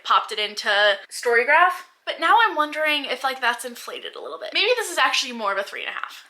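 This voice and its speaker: A woman's voice: sits high, bright, forceful tone. A young woman in her twenties chatting casually to camera about books at home, rambling with lots of fillers. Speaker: book vlogger.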